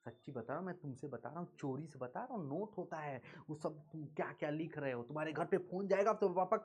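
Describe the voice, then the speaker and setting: A man's voice: on the high side, lively intonation, fast talker, slightly rough. A male teacher, leading a live online class in a playful, teasing way and drilling students with call-and-response chanting.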